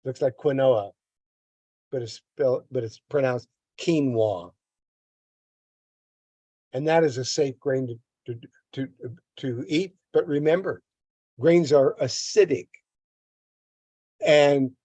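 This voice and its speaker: A man's voice: medium pitch, mellow, no room sound. An older man giving a health lesson, reading a text aloud and breaking off into rants, stumbling and repeating words as he goes. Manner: repeats words, rants at length against a government agency. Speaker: health educator. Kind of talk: reading a text and adding comments.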